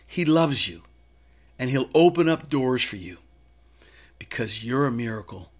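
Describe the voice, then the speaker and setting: A man's voice: medium pitch, lively intonation, a little slow. A man delivering a short devotional message, telling a personal faith story in an earnest way. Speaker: minister.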